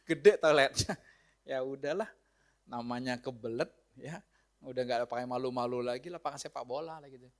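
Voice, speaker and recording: A male pastor speaking, in a middle-pitched voice. He tells an everyday story in an animated, chatty way. He often laughs and turns to ask his listeners questions. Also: normal speed. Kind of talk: storytelling sermon.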